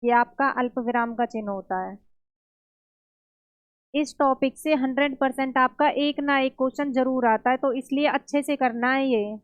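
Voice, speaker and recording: A woman teaching an exam-prep grammar lesson in a high voice, working through examples slowly and asking her own questions before answering them. The sound is dry and a little dull, with no room echo. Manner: slow, explains step by step, asks and answers her own questions.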